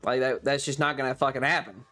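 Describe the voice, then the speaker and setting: This livestreamer speaks fast in a mid-range, bright voice with a forceful tone, faint music playing behind. He chats casually with viewers and tells stories emphatically and animatedly, with heavy swearing and repeated phrases.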